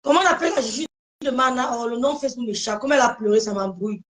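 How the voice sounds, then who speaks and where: A woman's voice: on the high side, fast talker, rough recording. A woman hosting a casual live stream, speaking emphatically to her viewers and often repeating her phrases.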